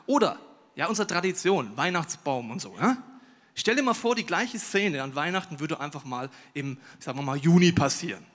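High-pitched guy doing stand-up, chatty, keeps asking the crowd questions, long echoey hall. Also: normal speed. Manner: chatty, addresses the audience directly with rhetorical questions; animated, swings between loud outbursts and quiet asides. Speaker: stand-up comedian. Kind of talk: stand-up comedy monologue.

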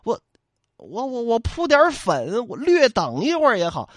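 A man's voice: extremely high pitch, huge pitch swings, a little slow, no echo, studio quality, pitched above the performer's own voice, full character voice. A man doing a stammering flustered man. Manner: stammering, pleading. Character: flustered henpecked man with a sore back.

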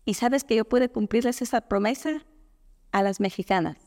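Una mujer de Ecuador, invitada en una entrevista informal, que cuenta anécdotas con animación y recrea diálogos. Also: female voice, a little high, moderate pace, in a large hall. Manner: animated storyteller, quotes others in dialogue. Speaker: guest. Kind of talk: casual conversational interview.

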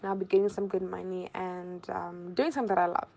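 Her lowish voice stays steady and quick, with vocal fry and a slightly mellow quality, though the recording is dull. In her early twenties, the Zimbabwean-accented woman chats casually as an interview guest, repeating phrases for emphasis.

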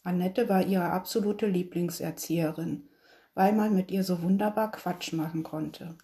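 Mellow-voiced woman reading a children's story. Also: lowish voice, fairly even intonation, moderate pace. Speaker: narrator.

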